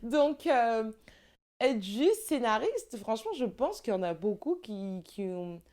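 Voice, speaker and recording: A woman's voice: fairly high pitch, big pitch swings, unhurried, a little mellow. A woman talking informally and emphatically in a casual discussion, thinking aloud as she explains her views. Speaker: film director and screenwriter.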